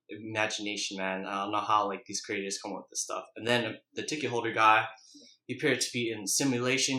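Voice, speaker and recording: Casting: young male vlogger, bright edge but monotone, loose unscripted recap style, hesitant and colloquial, recorded in an echoey room. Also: fairly low pitch. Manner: rambling, colloquial, hesitant delivery. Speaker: vlogger reviewing a TV episode. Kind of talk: casual, unscripted episode recap. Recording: echoey, roomy sound.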